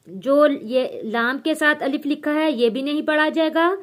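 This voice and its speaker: A woman teaching Quran reading, spelling out Arabic syllables letter by letter, drawing the sounds out slowly and then adding quick explanations. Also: high voice. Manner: slow drawn-out recitation with quick explanations.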